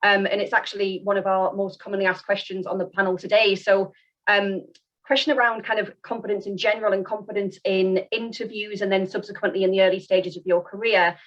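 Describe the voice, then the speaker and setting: A woman's voice: medium pitch, flat delivery, fairly quick, lo-fi sound. A woman moderating a panel, encouraging and passing questions to panelists.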